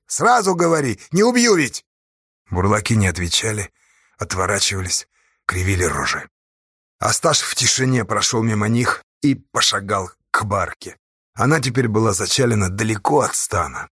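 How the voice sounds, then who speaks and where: A man reading a novel aloud in steady, measured narration. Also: medium pitch, vocal fry, breathy edge, no echo, clean studio sound. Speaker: audiobook narrator. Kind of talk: scripted narration.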